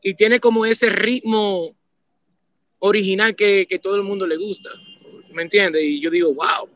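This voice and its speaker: In a casual video call interview picked up by a webcam, an animated band leader in his forties, a musician guest from Puerto Rico and the Dominican Republic, talks in an unhurried, high-pitched voice with a Caribbean Spanish accent. There's no echo. He restarts often and keeps inserting "¿me entiendes?"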